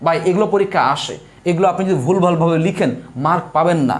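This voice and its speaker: A young exam prep teacher gives a live online lesson, explaining step by step as he writes. He repeats points and asks questions he then answers himself. His voice is high-pitched with a steady tone and a quick pace.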